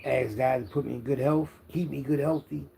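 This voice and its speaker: A Philadelphia man in his 50s, an internet content creator, delivers a rambling, slang-heavy street monologue outdoors, casual and self-assured, boasting as he goes. His mid-range voice is steady, a little fast, with vocal fry. Birds chirp in the outdoor background noise.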